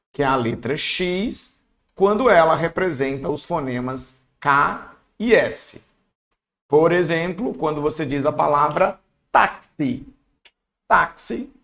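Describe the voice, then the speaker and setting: Lively gravelly male teacher. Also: a little high. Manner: playful, chatty, talks to viewers and himself. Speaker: Portuguese teacher for exam prep. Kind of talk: online exam-prep lesson.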